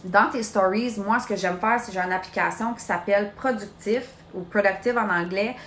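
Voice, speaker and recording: A woman's voice: mid-range voice, normal speed, fairly bright tone, roomy sound, slight background noise. A woman in her late twenties with a Québécois French accent, coaching her sales team in a chatty, direct live training. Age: late 20s. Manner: chatty, direct, addresses listener as "tu". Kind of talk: live social media training.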